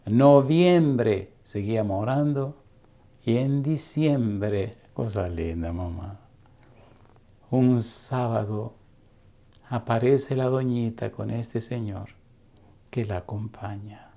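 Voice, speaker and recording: A middle-aged male pastor telling a story in a sermon, speaking slowly and deliberately with dramatic pauses. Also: medium pitch, warm tone.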